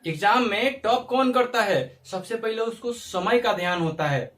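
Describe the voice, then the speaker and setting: A man's voice: sits high, animated, normal speed, fairly bright tone. A male teacher giving a math lesson, asking the class questions and answering them himself, repeating phrases as he coaxes them along. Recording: echoey room, mic far off.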